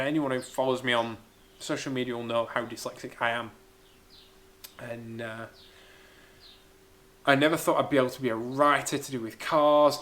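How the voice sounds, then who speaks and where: A man's voice: mid-range voice, a bit bright, slight background noise. A man who grew up in Spain, chatting enthusiastically as he answers viewer questions in a casual Q&A vlog about building a car. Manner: chatty, enthusiastic, thinking aloud. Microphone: small camera-mounted mic.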